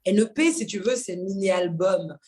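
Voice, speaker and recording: Lively storytelling woman from Mayotte. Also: medium pitch, moderate pace. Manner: lively, laughing, acts out dialogue. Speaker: guest singer. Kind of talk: casual storytelling interview.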